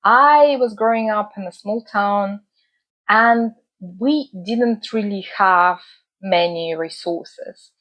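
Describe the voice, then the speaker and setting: A woman from Russia speaks to camera for her book channel, reflecting earnestly and thoughtfully from her home in the UK. Her voice is medium in pitch and a bit bright, her delivery measured and dotted with "uh" pauses. The recording is rough.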